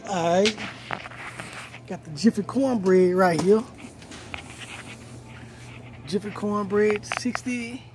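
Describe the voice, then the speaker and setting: A man's voice: high voice, slow pace, long pauses. A middle-aged man filming a casual walkthrough of a store aisle on a phone at arm's length, pointing out prices to viewers over and over. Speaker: vlogger. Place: large store aisle indoors. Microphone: phone held at arm's length. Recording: noisy store ambience.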